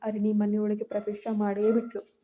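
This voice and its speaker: A woman narrating a scripted family drama story in a steady reading voice. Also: mid-range voice, normal speed.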